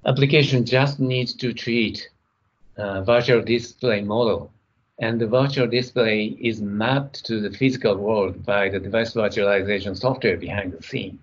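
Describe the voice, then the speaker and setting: A middle-aged man giving a technical conference keynote from his computer, speaking in a measured way as he talks through his slides. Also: on the low side, fairly even intonation, breathy edge, lo-fi sound. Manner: measured, reading slides, some non-native grammar.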